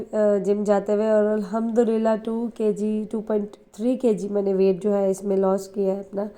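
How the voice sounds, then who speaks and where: Chatty woman vlogger with a very dark voice. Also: mid-range voice. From Pakistan. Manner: rapid, chatty, many fillers. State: hoarse with flu. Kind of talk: casual vlog talk to viewers.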